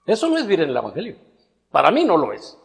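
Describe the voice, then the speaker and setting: A man's voice: on the high side, wildly swooping pitch, quick pace, creaky. A man preaching a sermon to his congregation, talking conversationally and building to emphatic rhetorical questions. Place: church hall. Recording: long reverb of a church hall.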